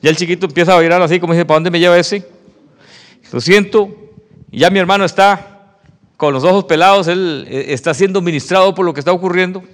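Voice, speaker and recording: A man preaching a sermon testimony, telling a story with animated acted-out dialogue. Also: high voice, fast talker. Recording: long hall reverb.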